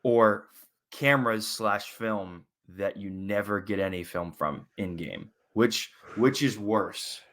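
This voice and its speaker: A high school football coach co-hosting a podcast, speaking earnestly and reflectively in casual chat. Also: male voice, slow pace, fairly bright tone. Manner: earnest and reflective, with small restarts.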